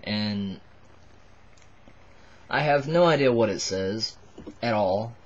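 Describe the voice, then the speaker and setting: A man in his twenties, a little drunk, giving a halting, rambling, casual confessional to the camera. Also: lowish voice, animated, a little hiss or hum. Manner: tipsy, buzzed, halting and rambling. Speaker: vlogger addressing subscribers. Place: small wood-panelled bedroom indoors. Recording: dull lo-fi webcam audio.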